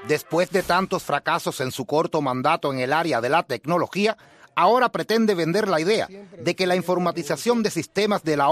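A man's voice: on the high side, a bit bright. A male reporter narrating a news report with a pointed, critical tone.

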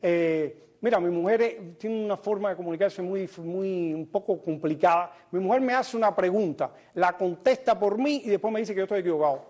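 A man's voice: high-pitched, brisk, few pauses, darkish tone. A man hosting a show and doing a stand-up monologue, joking and talking straight to the audience. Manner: joking, addresses audience directly. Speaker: comedian host.

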